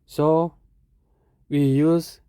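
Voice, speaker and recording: A teacher with an Indonesian accent, explaining a lesson in short, halting phrases and correcting themselves. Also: mid-range voice, little pitch movement, dark tone, smooth, dry recording.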